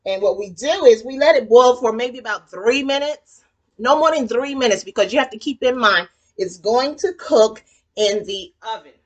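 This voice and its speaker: A woman in her sixties with a Southern US accent, hosting a casual cooking demonstration in her home kitchen and chatting warmly and folksily with viewers. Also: a little high, moderate pace, highs cut off. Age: 60s. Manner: chatty and folksy, calls viewers honey and child. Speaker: cooking show host.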